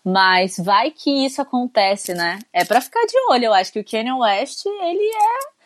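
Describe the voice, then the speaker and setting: A woman's voice: on the high side, very animated, moderate pace, no echo. A Brazilian woman co-hosting a talk show, chatting in a casual conversational way with frequent tag questions, sounding sleepy. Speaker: co-host. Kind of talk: casual news commentary.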